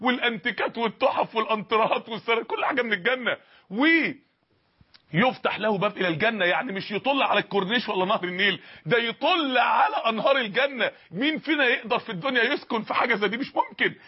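A man's voice: very high voice, quick pace, slightly rough, highs cut off. An Egyptian man preaching an emotional sermon, pleading with his listeners through repeated rhetorical questions. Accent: Egyptian Arabic.

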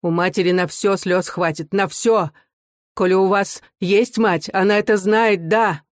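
A reader playing an older working-class mother in a storybook, pleading and indignant. The voice is lifted higher and louder than the narration. The recording is dry, with no echo. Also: measured pace, natural voice.

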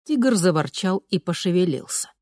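A woman reads a first-person audiobook in a calm, measured way with a slightly wry edge. Her voice sits on the low side, and the recording is dry and close with no room sound. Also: dry recording. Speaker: audiobook narrator.

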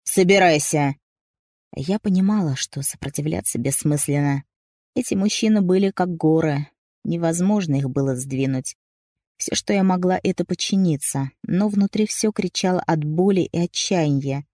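A woman's voice: on the low side, normal speed, dark tone, no room sound, clean studio sound. A woman narrating a first-person audiobook story with dramatic, emotional delivery.

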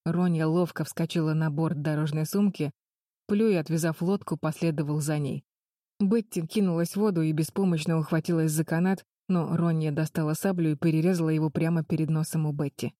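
A woman narrating a children's adventure audiobook in a calm, even storytelling manner. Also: low-pitched, brisk, no room sound, clean studio sound.

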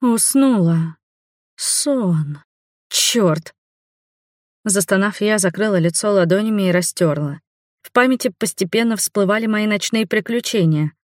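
A young adult woman narrating a first-person audiobook in an even storytelling manner. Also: mid-range voice, a little fast, no room sound, clean studio sound.

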